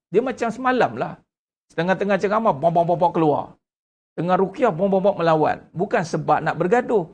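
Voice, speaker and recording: A man with a Malaysian Malay accent gives a religious lecture as a religious teacher, speaking emphatically and asking rhetorical questions. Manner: emphatic, rhetorical questions, lively swings in pitch.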